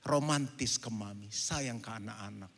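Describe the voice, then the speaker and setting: A middle-aged man preaching a sermon as pastor at a church service, telling lively stories and mixing English phrases into his talk. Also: fairly low pitch, moderate pace, vocal fry. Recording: long church-hall reverb.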